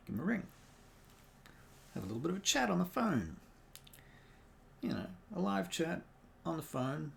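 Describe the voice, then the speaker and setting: Mid-range with vocal fry and a faint hiss or hum, the voice belongs to a tired man from New Zealand. Working as a dungeon master during a relaxed livestream, he hums, mutters and talks through his thoughts in an intentionally assumed non-native accent.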